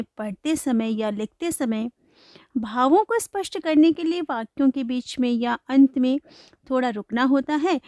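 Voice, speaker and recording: Woman teacher explaining grammar to kids, high voice, dry close sound. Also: darkish tone, no echo. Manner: slow, explanatory, reads example sentences aloud. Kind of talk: classroom-style lesson for children.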